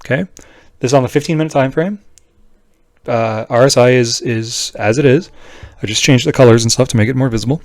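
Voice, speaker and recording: A man's voice: medium pitch, fairly quick, long pauses, darkish tone, no echo, studio quality. A man giving an unscripted, informal tutorial in a blunt way, often tagging his points with a questioning "right?". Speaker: trading tutorial presenter. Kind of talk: casual screen-share tutorial, unscripted explanation.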